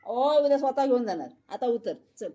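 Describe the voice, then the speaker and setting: A woman's voice: a little high, animated, normal speed, dark tone, dull audio. A woman, chatting to viewers and coaxing her cat at home, laughing often. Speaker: pet vlogger. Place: home, at a door to the terrace.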